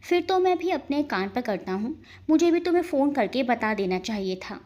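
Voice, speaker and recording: A woman voicing a young man in a storybook romance, speaking softly and affectionately. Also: high-pitched, big pitch swings, normal speed. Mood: tender. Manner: soft, affectionate. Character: loving young husband, calm and teasing.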